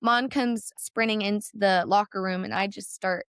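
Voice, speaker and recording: A woman's voice: medium pitch, fairly even intonation, moderate pace, clear, resonant tone, no room sound, studio quality. Earnest young American woman telling her story. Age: young adult. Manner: tearful, earnest storytelling with laughs. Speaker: guest, college gymnast. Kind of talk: emotional personal story in a podcast interview.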